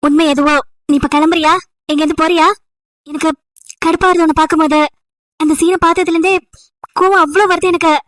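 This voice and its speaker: A woman voicing an irritated, sharp-tongued young female college student in an amateur audio drama, scolding with sarcastic rhetorical questions. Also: very high-pitched, little pitch movement, a little fast, long pauses, no room sound. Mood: annoyed.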